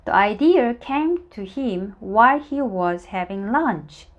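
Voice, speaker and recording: A woman whose first language is Korean, reading a children's book aloud in a slow, expressive way, with small stumbles and friendly asides. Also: medium pitch, dull audio. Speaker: storybook reader.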